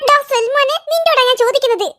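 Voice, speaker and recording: A hapless, whiny cartoon boy keeps complaining and begging his friend for help. The voice sits extremely high and sounds sharp and bright. Every line comes out indignant. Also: quick pace. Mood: annoyed. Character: hapless boy who lost his trousers. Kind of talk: cartoon voice acting.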